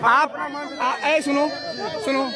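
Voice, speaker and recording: Speaking slowly in a very high voice with little pitch movement, this male reporter broadcasts live from a busy street outside a court campus, pressing people on the spot with urgency. Crowd noise and traffic fill the noisy outdoor recording.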